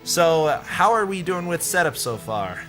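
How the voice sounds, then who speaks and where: A man hosting a charity livestream marathon, reading donor messages aloud in a brisk, upbeat way. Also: on the high side, sing-song, a bit bright, soft background music. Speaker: marathon host reading donations.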